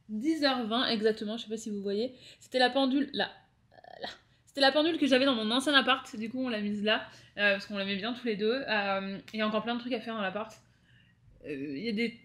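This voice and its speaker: A young woman from France talks casually to her viewers from her apartment at night. Her voice sits a little high, and she drifts from point to point with many fillers and restarts. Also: fairly bright tone. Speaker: vlogger. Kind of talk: casual chat to camera.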